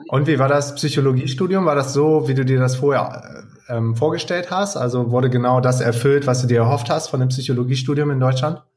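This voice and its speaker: A man's voice: mid-range voice, fairly quick, a little mellow. A man hosting a casual interview, asking questions in an upbeat, enthusiastic way. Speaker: podcast host, interviewer.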